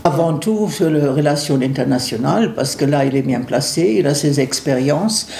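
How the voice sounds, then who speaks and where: A man answers interview questions in a halting way, often stopping to search for the next word. His voice is mellow and warm. The recording has a roomy echo and faint background noise. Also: a little high, gravelly. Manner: hesitant, searching for words with many fillers. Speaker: interview guest.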